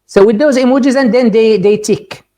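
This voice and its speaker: A middle-aged Moroccan man with a mellow, darker tone speaks to teachers over a video call. He talks earnestly, stumbling and repeating words, then jumps up in pitch to stress key ideas. His Moroccan accent is clear throughout. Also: moderate pace. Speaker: guest speaker, ELT supervisor. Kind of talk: webinar lecture and Q&A.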